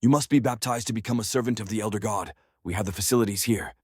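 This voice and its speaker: A man voicing a sly, coaxing drow spider-creature who serves a dark god in a fantasy story. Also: fairly low pitch, quick pace, slightly rough, no room sound, studio quality.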